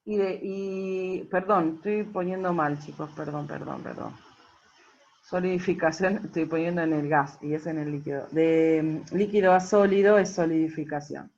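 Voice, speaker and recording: Woman teacher, patient and checking in often, fairly low voice, muffled lo-fi recording. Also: moderate pace, a little mellow, slight background noise. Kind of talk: recorded class explanation. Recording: dull lo-fi recording.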